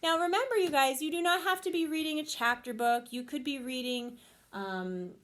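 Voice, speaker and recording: A woman teacher reading a picture book aloud to her class and explaining the lesson, with expressive storytelling. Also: sits high, moderate pace.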